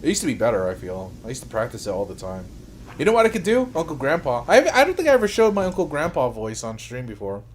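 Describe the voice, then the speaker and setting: A man's voice: medium pitch, wildly swooping pitch, fast, a little hiss or hum. A man streaming casually, reacting to videos with crude, jokey chat and frequent laughter. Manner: laid-back, crude, jokey, laughs often.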